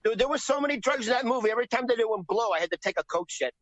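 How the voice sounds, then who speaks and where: A man's voice: very high voice, animated, racing, a bit bright, dry recording, low-quality recording. A man joking crudely as a podcast guest over a video call, stammering and restarting his sentences.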